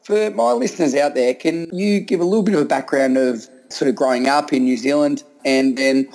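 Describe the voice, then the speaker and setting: A man's voice: fairly high pitch, fairly quick, vocal fry, darkish tone. A man hosting a podcast, introducing a guest and asking questions in an upbeat, enthusiastic way. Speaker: podcast host.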